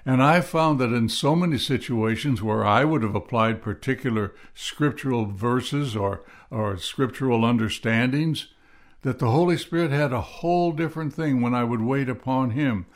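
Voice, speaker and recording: A middle-aged man teaching on a devotional podcast, earnest and reflective, reading scripture slowly. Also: medium pitch. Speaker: podcast preacher.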